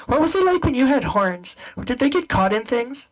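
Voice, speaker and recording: A woman's voice: high voice, big pitch swings, normal speed, low-quality recording. A woman voicing a curious, chatty young dragonborn orphan child in a tabletop game. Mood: excited curiosity. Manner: chatty, inquisitive.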